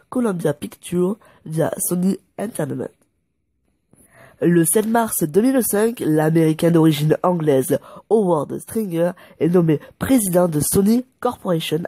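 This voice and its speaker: A man's voice: high-pitched, warm tone, breathy edge, no echo. A man presenting a casual fact video, making joking asides and stumbling over numbers before correcting himself. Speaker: YouTuber presenting facts.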